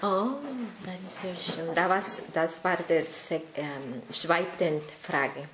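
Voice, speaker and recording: Slow, hesitant woman from Costa Rica. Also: fairly low pitch. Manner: hesitant, careful, many fillers. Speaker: interviewer, language learner. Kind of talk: interview questions. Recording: echoey room with faint noise.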